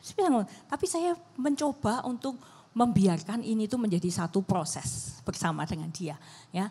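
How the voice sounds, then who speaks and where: Middle-aged woman seminar speaker, husky voice, casual and rambling, full of fillers. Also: mid-range voice, expressive, moderate pace, warm tone, in a large hall. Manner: chatty, many fillers and self-corrections. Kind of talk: church family seminar talk. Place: church hall.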